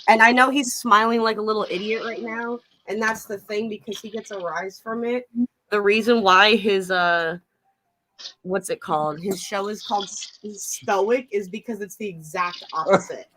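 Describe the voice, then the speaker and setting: A woman's voice: mid-range voice, steady tone, moderate pace, a bit bright, slight background noise. A woman guest in casual chat, blunt and teasing as she argues her point.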